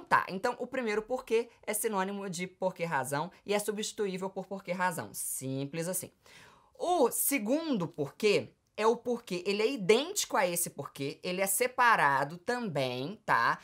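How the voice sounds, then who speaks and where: A Brazilian woman teaching grammar on a podcast, her pitch jumping up and down with playful, theatrical energy. She talks to the listener like a friend, calling them affectionate pet names and checking in after every point. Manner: playful and theatrical, calls listener "meu filho" and "filho de Deus"; chatty, punctuates with "tá?" and "entendeu?". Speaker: Portuguese teacher and podcast host. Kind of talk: grammar lesson.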